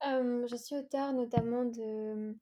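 Mellow-voiced young woman, hesitant guest. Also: on the high side, fairly even intonation, slow pace, muffled recording. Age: 20s. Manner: hesitant, many fillers and restarts. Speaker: novelist guest. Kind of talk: casual podcast interview.

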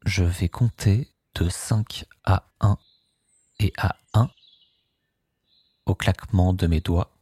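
A man with a very deep, mellow voice leads a guided sleep hypnosis. He speaks extremely slowly in a soothing, hushed way, with a breathy, husky edge, recorded close and dry. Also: no room sound. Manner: slow, soothing, hushed delivery.

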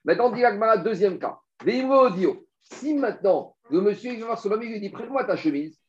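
Animated man teaching a Talmud class. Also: high voice, fairly quick, slight background noise. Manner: explains step by step, rhetorical questions, animated. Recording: dull lo-fi recording.

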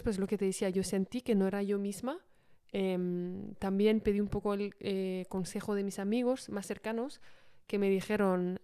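A woman recounts a personal story on a podcast. She has a mellow, smooth voice and a casual, halting delivery. She often pauses and restarts with fillers. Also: medium pitch. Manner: hesitant, many fillers and restarts. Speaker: podcast co-host.

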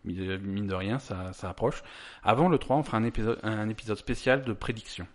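A man's voice: fairly low pitch, a little fast. A young adult man, co-hosting a casual gaming podcast, rambling with restarts and joking asides. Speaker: podcast co-host presenting the news.

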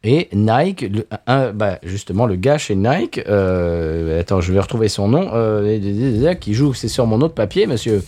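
A man's voice: lowish voice, lively intonation, unhurried, hardly any pauses, mellow. A middle-aged French man co-hosting a podcast, telling a story in casual chat with many restarts and fillers. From France. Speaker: podcast co-host.

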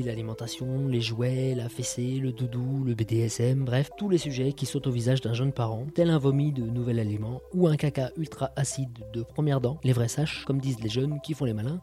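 A man hosting a podcast, reviewing audio shows with a mellow, relaxed voice. He talks casually and sardonically, full of quips. Faint music plays behind him. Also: medium pitch. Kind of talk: casual chat.

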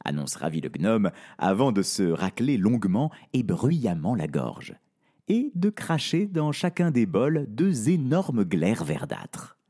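Animated man narrating a storybook. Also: on the low side, slow pace. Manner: animated, playful.

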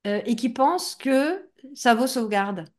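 A woman's voice: fairly high pitch, lively intonation, unhurried, darkish tone. A woman hosting a podcast, chipping in with short, wry summaries. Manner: brief interjections, wry summaries. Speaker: podcast host. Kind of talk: casual podcast interview.

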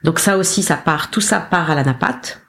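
A woman, a podcast guest, recounting her experience in a casual, animated way, acting out her own lines with self-mocking humour. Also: low-pitched, moderate pace. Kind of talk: casual storytelling interview.

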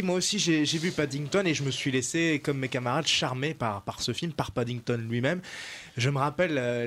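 A man reviewing a film on a talk show, speaking in a measured, informative way. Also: mid-range voice. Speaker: film critic. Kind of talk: radio film review chat.

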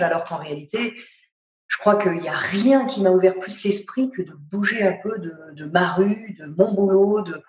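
Speaking from home in lockdown, this French author is the guest in a relaxed interview, thoughtful and hesitant throughout. Her voice is mid-range, the room echoes, and there's slight background noise.

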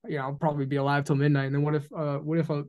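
A man's voice: fairly high pitch, level tone, very fast, phone-quality sound. A man of twenty-one, a podcast guest talking earnestly about faith in a casual conversation and slipping into preachy stretches. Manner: earnest and preachy, acts out mock dialogues.

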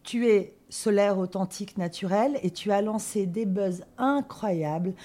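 Woman host asking flattering questions. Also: mid-range voice, measured pace. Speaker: podcast host. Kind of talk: casual podcast interview.

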